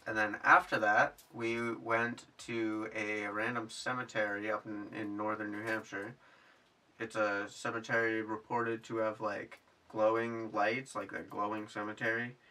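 A man's voice: lowish voice, flat delivery, unhurried, sharp tone, far from the mic. A young adult man chatting casually as a vlog host. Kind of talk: casual chat. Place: small decorated room, indoors.

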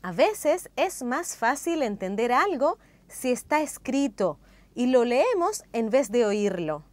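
In a slow, careful, explanatory manner, a woman narrates a scripted language lesson. Her slightly high voice moves through a lively melody, and the dry, close recording has no room sound.

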